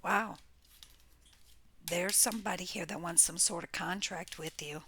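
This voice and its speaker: A woman's voice: on the low side, measured pace, pushed and bright, slight background noise. A woman doing a casual tarot reading for her viewers, blunt and exclaiming, with the odd curse. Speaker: tarot reader. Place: home room near a window.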